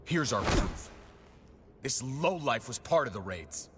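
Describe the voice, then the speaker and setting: A man's voice: mid-range voice, very animated, slow pace, fairly bright tone, long reverb tail, slight background noise. An actor playing an angry male leader who feels betrayed, in a video game, with a harsh, accusing manner.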